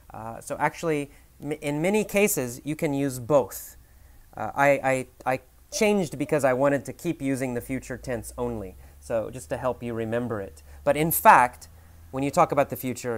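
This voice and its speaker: Animated male English teacher telling a story. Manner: animated storyteller, big swings in pitch and loudness, slows for key lines; thinks aloud with fillers and self-corrections. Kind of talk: storytelling language lesson.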